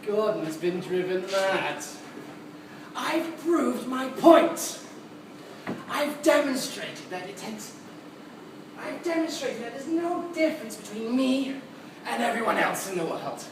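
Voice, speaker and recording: A man's voice: very high voice, very animated, slow pace, long pauses, full character voice. A man playing a mad, theatrical supervillain clown in a dramatic, mocking stage monologue. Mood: gloating. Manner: theatrical, mocking, dragging out words for emphasis. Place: large cinema auditorium. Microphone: distant recorder in the room. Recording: echoey, noisy hall recorded from far off.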